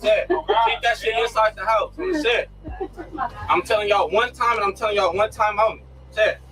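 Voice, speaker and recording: A man's voice: sits high, normal speed, far from the mic, background noise. A man giving a stern warning, laying down the rules.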